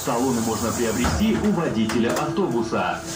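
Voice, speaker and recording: A man reading formal passenger notices, played over a bus PA loudspeaker. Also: medium pitch, very animated, over loud music. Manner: formal, deliberate announcing. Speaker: bus service announcer. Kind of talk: prerecorded transit announcement. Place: inside a moving city bus. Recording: echoey, distant, noisy bus interior.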